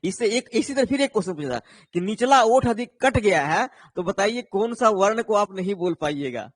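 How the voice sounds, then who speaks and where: A man's voice: high-pitched, expressive, moderate pace, no echo. A man teaching an online exam-prep lesson, explaining patiently and often checking in with his viewers. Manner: explains patiently, tags lines with "है ना", answers viewers' comments.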